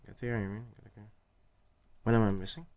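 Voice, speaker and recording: A man's voice: lowish voice, fairly even intonation, fairly quick, a little mellow, a little hiss or hum. A man giving casual let's play commentary, muttering to himself in short fragments with a grumbly, exasperated edge. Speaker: gaming video host.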